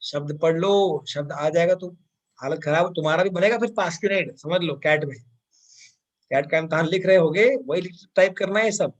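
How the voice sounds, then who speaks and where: A man's voice: on the high side, moderate pace. A man with an Indian accent teaching vocabulary in an online class, switching between Hindi and English and repeating words.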